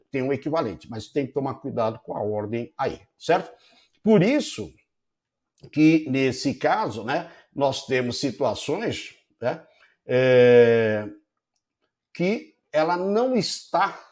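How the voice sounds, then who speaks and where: A man's voice: on the high side, darkish tone. A middle-aged man teaching a recorded online lecture, explaining step by step and checking in with frequent tag questions. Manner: explanatory, many checking "né?" tags.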